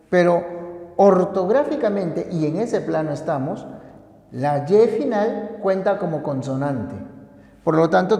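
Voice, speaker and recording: Deliberate man teaching in an echoey room. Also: a little high, darkish tone. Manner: deliberate, explanatory, stressing each word. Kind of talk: grammar lesson. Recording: echoey room with long reverb.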